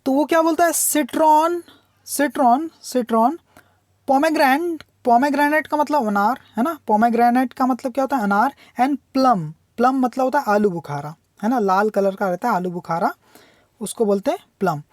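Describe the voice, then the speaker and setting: A woman teacher explaining a poem line by line. She reads the English lines slowly and drawn out, then explains them quickly in Hindi, asking questions and answering them herself. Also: fairly high pitch, a little mellow, no room sound, studio quality.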